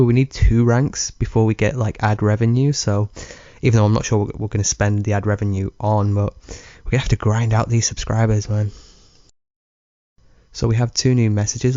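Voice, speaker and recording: A man with a low, dark, mellow voice talks through his gameplay in a relaxed, rambling way, chuckling as he goes. The sound is dry and a little dull, like a lo-fi home mic. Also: brisk, no room sound. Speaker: let's play gamer. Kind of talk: casual gameplay commentary.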